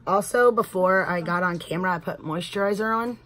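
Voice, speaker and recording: A woman's voice: fairly low pitch, brisk, fairly bright tone. A woman in her thirties with a Texan accent, chatting casually at home through a makeup tutorial. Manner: chatty, rambling, addresses viewers as y'all. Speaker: beauty vlogger.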